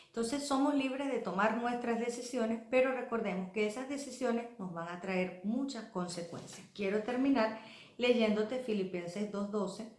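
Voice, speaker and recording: A woman's voice: a little high, unhurried, a little mellow. Earnest woman preaching in an echoey hall. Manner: earnest, pleading, acts out quoted voices. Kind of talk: sermon. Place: church hall.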